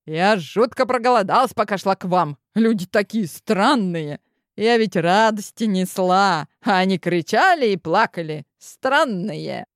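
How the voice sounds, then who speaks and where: A woman's voice: mid-range voice, animated, unhurried, no echo, clean studio sound. A woman voicing a cheeky young woman in a monster costume, with a complaining, mischievous tone.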